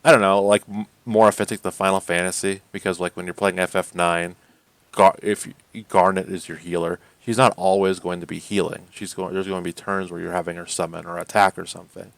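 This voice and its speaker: Gravelly low-voiced man chatting casually. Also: level tone, fairly quick, fairly bright tone, no echo. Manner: rambling, full of "like" fillers, laughs often. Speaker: podcast co-host. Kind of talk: casual gaming chat.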